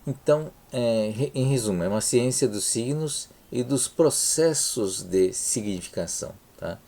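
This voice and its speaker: A man's voice: medium pitch, lively intonation, mellow. A man teaching a university lecture with a Brazilian Portuguese accent, speaking unhurriedly and checking in often with "tá?" and "né?" while restarting words. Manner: unhurried, frequent "tá?" and "né?" check-ins, many restarts. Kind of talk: recorded lecture over slides.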